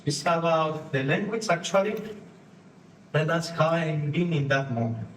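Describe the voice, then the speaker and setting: A man from Spain with a Spanish accent, giving a live conference talk with halting phrasing and frequent restarts while acting out postures and inner voices for the audience. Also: a little high. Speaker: conference speaker. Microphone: distant room mic. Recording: echoey room from far off, faint noise.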